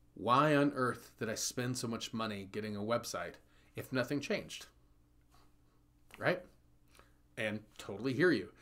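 Man, 30s, marketing host; casual, emphatic advice to a webcam in a small office, mid pitch. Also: fairly bright tone. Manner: conversational, emphatic, repeats for effect. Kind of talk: direct-to-camera business advice.

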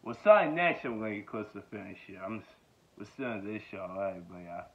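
A man's voice: fairly low pitch, fast, a bit bright. Rambling young man on a tinny phone. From Georgia, USA. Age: 20s. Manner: rambling, many fillers and repeated yeahs. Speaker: vlogger. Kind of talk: casual self-introduction vlog. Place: small bedroom indoors. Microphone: phone held close at arm's length.

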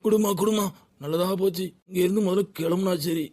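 A man's voice: a little high, brisk, slightly rough. A man voicing a meek, harried fish seller who grumbles to himself, with a Tirunelveli Tamil accent. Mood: timid grumbling. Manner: timid, grumbling under his breath.

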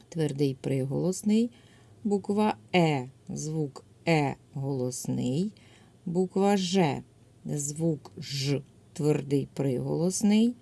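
A woman teacher with a Ukrainian accent giving a video lesson to young pupils, dictating slowly and clearly. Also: sits low, dark tone. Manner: slow, clear dictation with drawn-out words. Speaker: primary school teacher.

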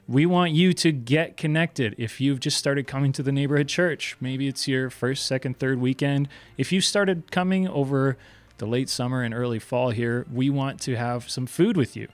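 A man's voice: medium pitch, dry recording. A man in his thirties giving friendly, upbeat church announcements at a desk mic in a small studio. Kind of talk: prayer then church announcements. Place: small indoor studio set. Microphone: desk broadcast mic.

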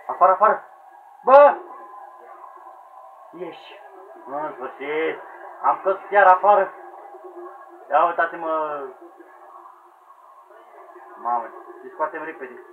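A man giving excited gameplay commentary, yelling at characters, pleading with them and laughing as the match goes on. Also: fairly high pitch, pauses often. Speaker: gamer commentating own play. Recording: tinny lo-fi sound with faint hiss.

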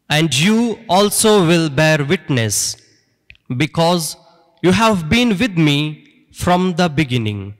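A man, a priest or deacon, reading the Gospel at Mass in a slow, measured and solemn way, with a cathedral echo around him. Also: on the high side. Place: large church. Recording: long church reverb, distant mic.

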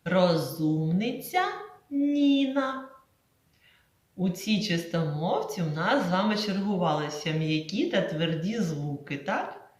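A woman's voice: fairly low pitch, moderate pace. A woman teaching a reading lesson to young children, drawing out and exaggerating each sound for them to repeat. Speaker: primary school teacher. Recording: echoey room.

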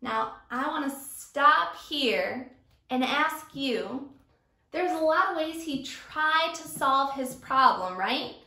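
A woman teacher reading a picture book aloud to a class with expressive storytelling and stopping to ask her students questions. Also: sits high, takes it slowly. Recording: echoey room.

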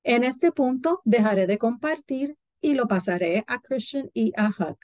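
Woman, webinar host, scripted delivery, higher-pitched, dry recording. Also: lively intonation, measured pace, darkish tone, no echo. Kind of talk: scripted introduction. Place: indoors on a video call.

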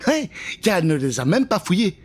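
A man in his thirties tells a children's story dramatically into a close studio microphone fitted with a pop filter. His voice is high-pitched, sing-song and brisk.

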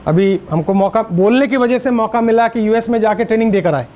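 High-voiced Indian male speaking coach. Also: a little fast. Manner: energetic, directs the audience, jokes. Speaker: public speaking trainer. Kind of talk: live workshop talk mixing Hindi and English. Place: seminar room with live audience.

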